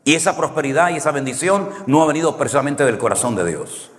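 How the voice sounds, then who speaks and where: A man's voice: fairly high pitch, expressive, quick pace. A man preaching a conversational sermon, full of anecdotes, who often closes a point with a questioning "no?". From Canary Islands, Spain. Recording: long hall reverb.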